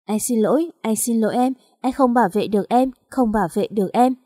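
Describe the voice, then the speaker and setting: A woman's voice: a little high, fairly quick, mellow, no room sound, studio quality, natural voice. A woman voicing a determined young boy who is earnest and protective of his little sister. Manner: earnest, pleading.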